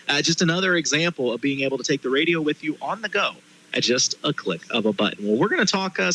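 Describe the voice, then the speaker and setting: Bright, forceful male sports radio host. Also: a little high, slight background noise, poor audio. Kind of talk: live sports broadcast chat and promos. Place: stadium press booth.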